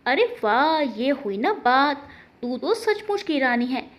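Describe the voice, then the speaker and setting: A woman's voice: high voice, sing-song, slow, full character voice. A woman voicing a young male forest officer who is friendly and fond of the girl.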